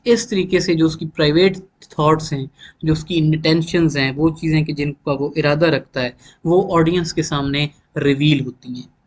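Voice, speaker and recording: Man, patient lecturer, lighter higher voice, checks in with listeners often, slows for definitions. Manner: explains step by step, frequent "theek hai" check-ins; mixes English terms and read-out definitions into Hindi-Urdu. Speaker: literature teacher. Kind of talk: recorded lecture.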